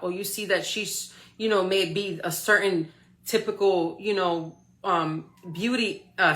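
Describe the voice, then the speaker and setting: Her voice sits fairly low and sounds sharp. A motivational speaker in her forties, she gives an encouraging talk on a live stream, regularly checking in with "okay?" and "right?"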